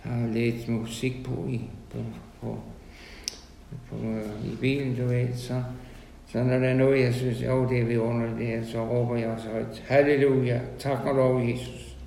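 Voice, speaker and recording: A man giving an informal sermon to a small meeting, halting and repeating words, then rising to loud emphasis. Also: medium pitch, flat delivery, creaky, reverberant, in a large hall, a little hiss or hum, rough recording. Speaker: lay preacher.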